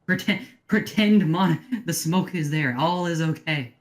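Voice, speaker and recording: A woman acting as game master, narrating an online role-play in a relaxed, wry way and laughing easily. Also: on the low side, measured pace.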